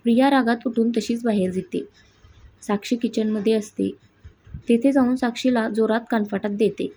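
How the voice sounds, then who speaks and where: A woman narrating a family drama story in a plain, steady storytelling manner, with a husky voice. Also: on the high side, moderate pace, rough recording. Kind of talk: scripted narration.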